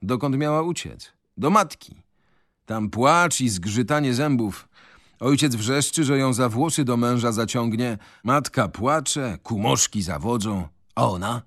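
A man's voice: mid-range voice, lively intonation, measured pace, a bit bright, no echo, studio quality. A man voicing a gossiping townsman. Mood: gossipy. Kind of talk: radio reading of a novel.

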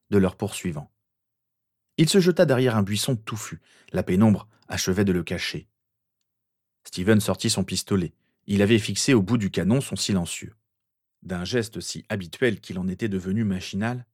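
A man narrating a fan fiction audiobook in a steady, measured way. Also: fairly low pitch, dry recording, clean studio sound.

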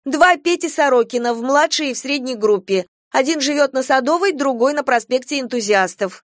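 A flustered young trainee kindergarten teacher, high-voiced and excitable, always ready to defend herself, voiced by a woman reading a story aloud. The recording is close and dry. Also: a little fast, dry recording. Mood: excited.

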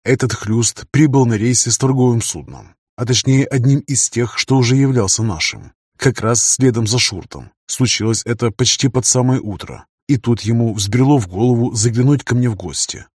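A man reading a first-person audiobook in an even, measured storytelling manner. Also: mid-range voice, breathy edge, no room sound, clean studio sound. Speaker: audiobook reader.

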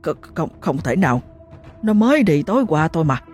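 A woman's voice: sits low, big pitch swings, moderate pace, darkish tone, faint music behind. A woman voicing a shocked village man who stammers in disbelief. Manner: stammering, trembling.

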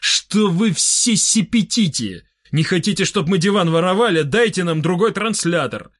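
A man playing a sullen hoarse big guy, grumbles and brushes people off, dry audiobook. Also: high-pitched, animated, moderate pace, no echo, pitched above the performer's own voice. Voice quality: hoarse, gruff. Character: surly hoarse burly young man. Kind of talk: audiobook reading.

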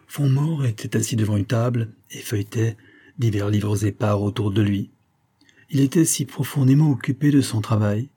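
A man reading a historical novel aloud in measured, even narration. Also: on the low side, breathy edge. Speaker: audiobook narrator. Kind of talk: scripted narration.

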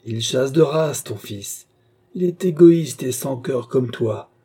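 A man's voice: fairly low pitch, normal speed, warm tone, husky. A man reading aloud, voicing an old former hussar servant who harshly and coldly takes revenge on his master. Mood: grim. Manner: harsh, commanding, contemptuous.

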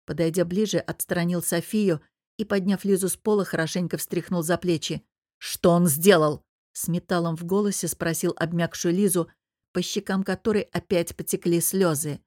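A woman narrating a story in a steady, scripted audiobook read. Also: lowish voice, moderate pace, dry recording, clean studio sound.

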